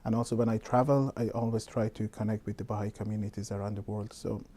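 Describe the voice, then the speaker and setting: Man from iran, scientist, talks slow and thoughtful, mellow tone. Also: lowish voice, flat delivery. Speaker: scientist, interviewee. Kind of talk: personal interview.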